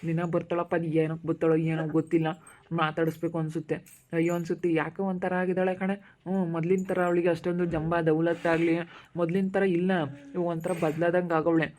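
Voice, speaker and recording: A woman's voice: lowish voice, level tone, fast, a little mellow, lightly acted. A woman playing a judgmental village neighbour. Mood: scolding. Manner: scolding, judgmental. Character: sharp-tongued gossiping village woman. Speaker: neighbour Meena. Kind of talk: amateur village skit acting.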